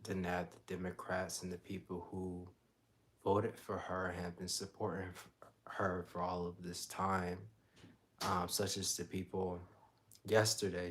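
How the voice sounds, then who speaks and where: A man's voice: deep voice, a bit bright. A young adult man with an American accent, chatting casually as co-host of a live political commentary stream. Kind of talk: casual chat.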